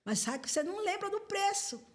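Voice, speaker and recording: A middle-aged woman telling a personal testimony as a podcast guest, animated and acting out the dialogue she recalls. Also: very high-pitched, fast talker. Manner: animated, acts out quoted dialogue. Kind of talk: testimony storytelling.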